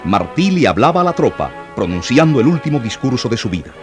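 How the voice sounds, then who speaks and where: A man narrates a historical radio drama in a solemn, dramatic manner. His voice is mid-pitched, and loud music plays beneath his words. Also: sing-song, fairly quick. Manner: solemn, rising to heightened intensity in battle passages.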